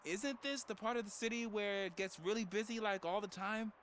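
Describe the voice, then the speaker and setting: Lighter-voiced earnest rookie cop. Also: male voice, sits high, fairly quick, a bit bright, slight background noise. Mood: eager. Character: earnest, self-doubting young rookie police officer, male. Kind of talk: video game dialogue.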